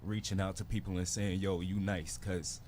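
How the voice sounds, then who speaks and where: A man's voice: sits low, little pitch movement, moderate pace, a little mellow, slight background noise. A man from Barbados in his thirties, a rapper telling his story in a laid-back casual interview full of slang. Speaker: guest rapper.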